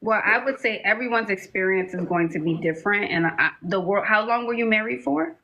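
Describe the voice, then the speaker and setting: A woman hosting a live call-in coaching show, talking in a sassy, animated, joking way. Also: medium pitch, brisk. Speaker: host, life coach.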